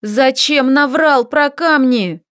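A woman's voice: high voice, big pitch swings, slow pace, dry recording, studio quality, pitched above the performer's own voice, exaggerated voice. Woman voicing a furious, indignant young woman. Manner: shouting accusations, indignant. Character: furious young woman scolding her lover.

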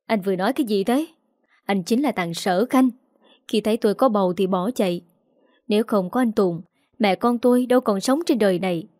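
A woman's voice: fairly high pitch, fairly even intonation, dry recording, clean studio sound, lightly acted. A woman reading the lines of an indignant, bitter young wife in an audio story. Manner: sharp, indignant, fast.

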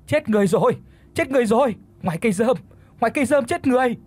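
A man voicing a frightened young female servant shouting in panic. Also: extremely high pitch, expressive, quick pace, pitched above the performer's own voice. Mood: alarmed.

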